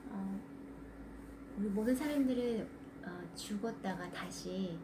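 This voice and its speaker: Soft hesitant woman from the congregation. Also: medium pitch, background noise. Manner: soft, hesitant answers with pauses. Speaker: congregation member.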